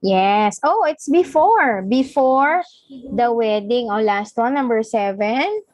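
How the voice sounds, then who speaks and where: A woman's voice: a little high, lively intonation, slow, a little mellow, dry recording. A woman teaching a one-on-one English lesson, patiently correcting and prompting her student.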